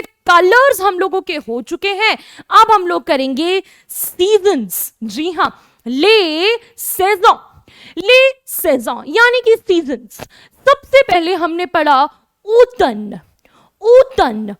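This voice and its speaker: A woman with an Indian accent teaching French to children, repeating each word slowly and explaining patiently. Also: very high-pitched, fairly bright tone, no room sound, studio quality. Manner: addresses pupils as kids, explains patiently. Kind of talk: online lesson in Hindi.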